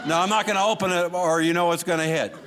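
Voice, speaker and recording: Male stand-up comic, sarcastic lilt, slightly high-pitched delivery, very noisy live show. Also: steady tone, quick pace. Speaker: stand-up comedian. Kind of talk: live stand-up comedy routine with props. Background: audience laughter and noise.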